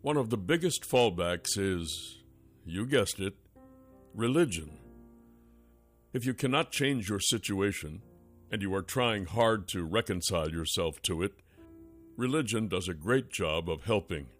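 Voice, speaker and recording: Low-voiced man reading an audiobook. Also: expressive, a little slow, soft background music. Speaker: audiobook narrator. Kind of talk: scripted audiobook narration.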